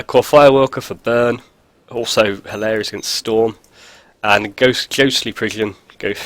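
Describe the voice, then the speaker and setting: Sounding stuffy from a cold, a video host talks casually over a card game, with lots of fillers and deadpan jokes. His voice is medium-pitched and fairly bright, with no echo.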